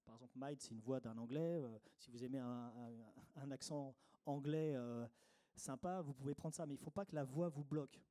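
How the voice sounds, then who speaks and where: Man with a mellow voice teaching meditation. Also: mid-range voice, fairly even intonation, normal speed. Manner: didactic, repeats key phrases, frequent "euh" and "ok?". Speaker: meditation consultant giving a workshop talk. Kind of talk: conference talk to a live audience.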